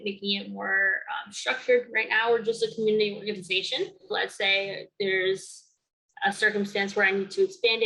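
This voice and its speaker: A nineteen-year-old woman from Connecticut, a native Spanish speaker who founded a youth program, talks to the camera for an award video. Her medium-pitched voice is bright and forceful, her manner earnest and measured, and the recording is rough.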